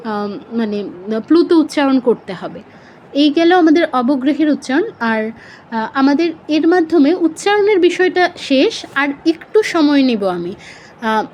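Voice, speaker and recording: A woman's voice: high voice, darkish tone, highs cut off. A woman teaching Sanskrit pronunciation in a live online class, patiently explaining and drawing out example syllables.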